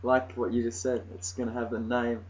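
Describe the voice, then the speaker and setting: A young Australian man co-hosting a casual podcast chat, easygoing and quick to laugh. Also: medium pitch, level tone. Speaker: co-host. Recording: dull lo-fi amateur recording.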